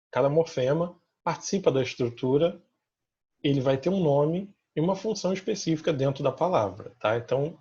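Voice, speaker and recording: A man's voice: medium pitch, darkish tone, slightly rough, dull audio. A male teacher with a Brazilian Portuguese accent, explaining a grammar lesson from slides and ending many phrases with little checking questions. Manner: checks in with listeners through constant tag questions; points to examples on the slide as he goes.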